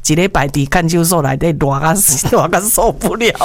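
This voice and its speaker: A woman's voice: sits low, normal speed, dry recording. A woman with a Taiwanese accent co-hosting a casual radio chat, speaking colloquially and emphatically with repeated phrases and frequent tag particles. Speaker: radio co-host. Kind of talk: casual call-in radio chat mixing Mandarin and Taiwanese Hokkien.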